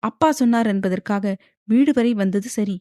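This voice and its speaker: A woman's voice: medium pitch, normal speed, dry recording, clean studio sound. Woman narrating a romance audiobook. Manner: steady storytelling. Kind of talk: scripted narration.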